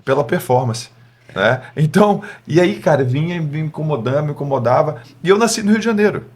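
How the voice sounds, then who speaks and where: Brief: man from Espírito Santo, lively storyteller, husky voice, fast delivery. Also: on the high side. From Espírito Santo, Brazil. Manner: animated storyteller, talks with feeling. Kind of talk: casual podcast conversation.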